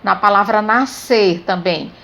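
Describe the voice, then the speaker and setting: A woman with a Brazilian Portuguese accent teaching a grammar lesson, speaking slowly and deliberately and spelling out sounds letter by letter. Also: medium pitch, creaky, fairly bright tone.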